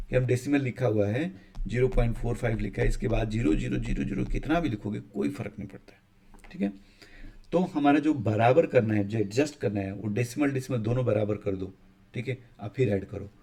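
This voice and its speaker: A man with a mellow, medium-pitched voice teaches maths in an easygoing, explaining style. He checks with students often, using "ठीक है", and sometimes breaks off to restart what he's saying.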